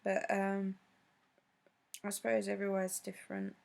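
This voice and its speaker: A woman chatting casually on her vlog, answering questions with lots of ums and pauses. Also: mid-range voice, completely flat delivery, creaky, a little mellow. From Britain. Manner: hesitant, many ums, laughs between answers. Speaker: vlogger.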